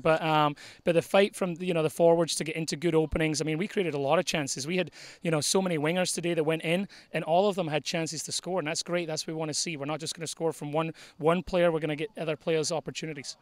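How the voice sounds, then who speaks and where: Fast-talking soccer coach in his forties. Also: a little high, steady tone, no room sound. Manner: fast, earnest, repeats phrases when starting sentences. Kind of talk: postgame interview. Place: outdoor soccer field at night under floodlights. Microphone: handheld interviewer mic.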